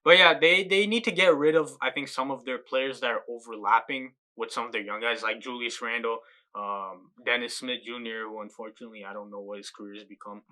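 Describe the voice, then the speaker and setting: A man's voice: mid-range voice, fairly even intonation, fairly quick, sharp tone. A man co-hosting a casual sports podcast, laid-back, trailing off in volume at the ends of phrases. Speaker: podcast co-host.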